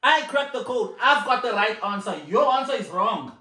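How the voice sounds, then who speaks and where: On a living room sofa, a man in his thirties who co-hosts a couple's channel argues his point insistently in a casual couch argument, repeating himself and breaking into laughter. His high-pitched voice is animated, pushed and bright, at normal speed. A camera across the room picks him up, and the living room sounds echoey.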